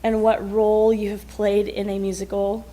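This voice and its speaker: A woman's voice: mid-range voice, completely flat delivery, normal speed, dark tone. A woman teacher speaks at a school board meeting in a mid-range voice. She is encouraging and draws children out with questions. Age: adult. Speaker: school music teacher presenting students.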